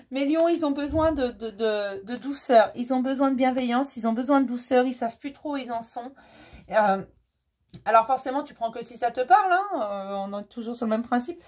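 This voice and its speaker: A woman's voice: sits high, darkish tone. A woman giving a casual tarot reading for the star signs. She chats fondly, laughs often and calls her viewers her darlings. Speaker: tarot reader. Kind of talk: casual horoscope card reading.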